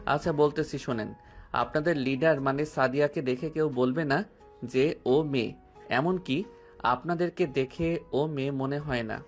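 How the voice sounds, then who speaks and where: A man's voice: medium pitch, measured pace, close to an everyday voice. A man voicing a cheeky, cocky young male college freshman who answers back defiantly in an audio drama. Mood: mocking. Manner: mocking, defiant. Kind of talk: Bengali audio love-story drama. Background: faint background music.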